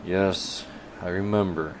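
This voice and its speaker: A man's voice: low-pitched, fairly even intonation, takes it slowly, background noise. A man voicing a tired, put-upon young male apprentice in an audiobook, with a strained, raised voice. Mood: breathless.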